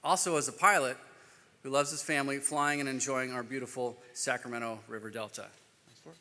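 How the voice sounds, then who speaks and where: A man moderating a conference panel who reads formal speaker introductions and slips into quiet offhand asides. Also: mid-range voice, steady tone, a little fast. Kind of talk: reading speaker bios at a conference. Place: conference hall. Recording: reverberant hall sound.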